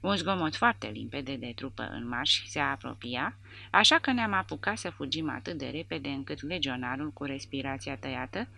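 A woman narrating an audiobook in a measured, even reading. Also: extremely low pitch, vocal fry.

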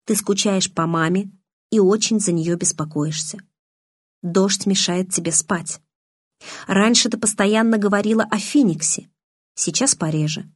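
A woman voicing a calm, gentle, secretive teenage boy in an audiobook, speaking softly and matter-of-factly. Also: medium pitch, unhurried, husky, no room sound, studio quality. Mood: quiet, gentle. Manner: soft-spoken, matter-of-fact. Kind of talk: audiobook character reading.

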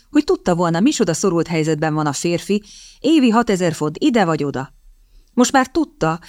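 A woman reading an audiobook in scripted narration, in a measured, even storytelling manner. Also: fairly low pitch, dry recording, studio quality.

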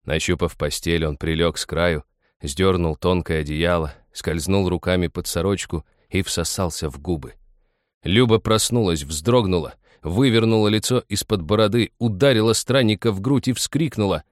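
A man reading an audiobook story in a calm, measured way. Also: sits low, no room sound, studio quality. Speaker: narrator. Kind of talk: audiobook narration.

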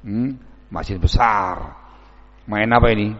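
A man giving a dawn sermon as a preacher, animated and acting out the people he describes. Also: on the low side, slow pace. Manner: animated, mixes in Javanese words, mimics townsfolk. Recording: dull, echoey hall recording.

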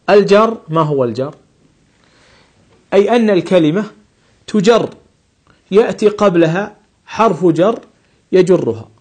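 Husky-voiced man teaching grammar patiently. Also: a little high, a little mellow. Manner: patient, repeats examples aloud, asks and answers his own questions. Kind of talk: classroom grammar lesson.

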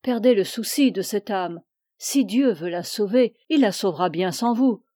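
Une femme qui prête sa voix à un mentor spirituel âgé et sévère, qui fait des reproches d'un ton dur. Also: female voice, mid-range voice, expressive, moderate pace, warm tone, no room sound, clean studio sound, close to an everyday voice. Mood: stern. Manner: stern, reproving. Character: stern older male spiritual mentor, severe.

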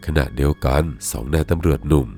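A man with an extremely low, deep voice reads a first-person ghost story in a measured, solemn way. Faint music plays softly behind his telling. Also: fairly even intonation.

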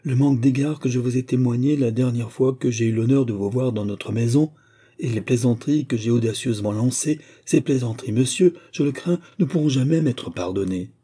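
A man's voice: medium pitch, brisk, mellow, husky, lightly acted. A man voicing an embarrassed pastor's wife begging forgiveness in an audiobook. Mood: pleading. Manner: pleading, contrite.

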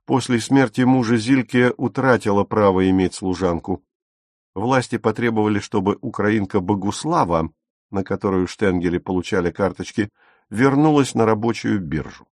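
Male narrator, low voice, measured expressive audiobook reading, dry booth. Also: no echo. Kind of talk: scripted narration.

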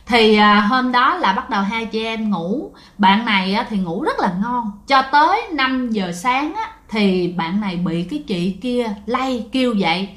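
A woman's voice: on the high side, lively intonation, a little slow, few pauses, a bit bright, echoey room. A woman telling a ghost story in a casual, chatty way, addressing listeners directly.

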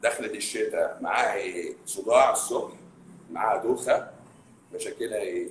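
Egyptian guy doc on a live stream, quick and teasing, echoey room. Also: lowish voice, a little hiss or hum. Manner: sarcastic, animated, teasing. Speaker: doctor hosting a live stream. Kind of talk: casual live stream talk. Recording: roomy echo.

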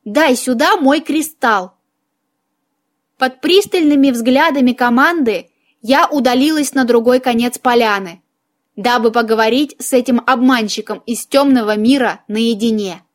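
A woman narrating a humorous fantasy audiobook in first person, lively and playful. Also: fairly high pitch, normal speed.

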